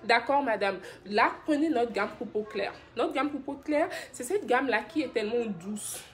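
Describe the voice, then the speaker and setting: On a live stream, a skincare brand host from Benin answers viewer comments about skincare, reading them aloud with frequent laughter. Her voice sits on the high side, expressive and at a normal speed, and her manner is chatty and affectionate.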